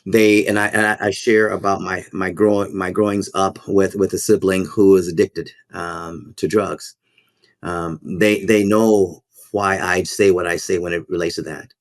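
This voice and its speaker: A man's voice: sits low, flat delivery, no room sound, studio quality. A man who is a school principal and minister, speaking in a podcast interview in an earnest, reflective way that halts and repeats words. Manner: halting, repeats words while thinking.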